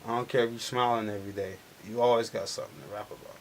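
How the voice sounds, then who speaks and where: A young adult rapper from Milwaukee is interviewed in a casual chat, talking loosely with slang and frequent restarts. His voice is medium-pitched, steady and rapid-fire, with faint background noise.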